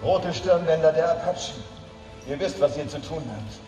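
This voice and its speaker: An actor playing a grave, vengeful chief with slow, weighty pronouncements. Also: male voice, fairly high pitch, lively intonation, natural voice. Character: solemn Native chief man, grave and vengeful. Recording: echoey hall from far off, music behind.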